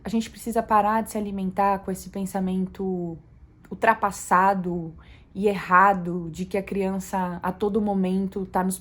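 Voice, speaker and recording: A young Brazilian mother with a Brazilian Portuguese accent, talking to camera in a calm, soft-spoken, reflective way that rises at times to earnest emphasis. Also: medium pitch. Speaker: mother vlogger.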